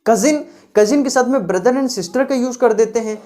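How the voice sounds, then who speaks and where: A woman teaching English grammar, explaining rules patiently and reading example sentences slowly and clearly. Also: on the high side, mellow. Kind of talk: classroom grammar lecture.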